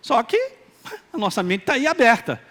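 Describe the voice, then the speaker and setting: Lively high-voiced pastor with a mineiro accent. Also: male voice, moderate pace. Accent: Minas Gerais Brazilian Portuguese. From Brazil, Minas Gerais. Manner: animated, joking, calls out for responses. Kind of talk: sermon.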